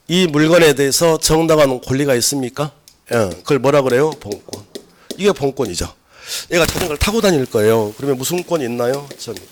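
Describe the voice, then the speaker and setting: Male lecturer, higher voice, loud and animated, quizzes the class, a touch hoarse from a cold. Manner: lively, loud, asks the class questions. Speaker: civil law lecturer. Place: lecture room.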